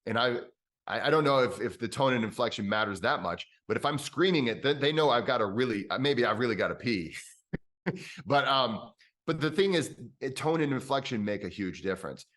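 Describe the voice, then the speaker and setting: A man coaching on breathwork in a relaxed conversation, thinking out loud with restarts and bursts of emphasis. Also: medium pitch, a little fast. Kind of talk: conversational explanation.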